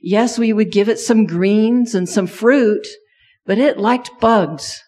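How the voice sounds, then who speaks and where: A middle-aged woman raised in Thailand, a native Thai speaker, tells a children's sermon story and asks the kids lots of questions. Her voice sits at medium pitch with a slow pace and a somewhat dark tone.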